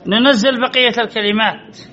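A man's voice: very high voice, steady tone, normal speed, sharp tone, slight background noise. A man teaching Arabic grammar in a classroom, quizzing students and repeating key answers as drills, on a dull lo-fi recording. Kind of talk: classroom lesson with questions to students.

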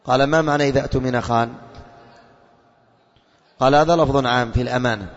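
A male religious teacher leads a classroom lesson, quizzing his students and repeating their answers back to them. His voice is medium-pitched and steady at a quick pace, recorded with long reverb and a dull lo-fi quality.

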